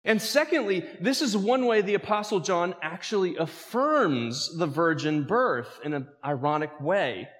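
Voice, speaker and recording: A man's voice: high voice, unhurried, few pauses, big-room sound. A male pastor preaching a sermon, calling out questions to his congregation. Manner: lively preaching with calls to the congregation.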